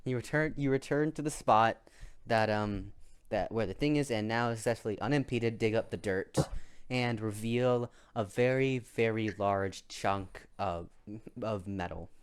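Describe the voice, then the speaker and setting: Halting young man game master. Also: lowish voice, smooth. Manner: halting, many restarts and fillers. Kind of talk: narrating a tabletop game.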